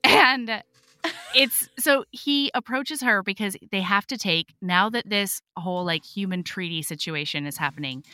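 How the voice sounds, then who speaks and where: A woman's voice: mid-range voice, measured pace, clear, resonant tone, dry recording. A woman guest on a podcast, chatting casually and animatedly, swearing freely as she retells stories. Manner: animated, swears freely, acts out book characters. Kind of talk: casual chat.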